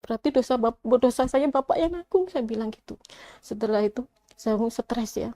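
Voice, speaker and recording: Middle-aged woman, warm mellow voice, dry close sound, retells arguments line by line in casual interview talk. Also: on the high side, expressive, normal speed, no room sound. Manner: retells arguments by quoting both sides in dialogue; conversational, with many restarts and asides. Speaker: interviewee telling her conversion story. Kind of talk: casual personal storytelling.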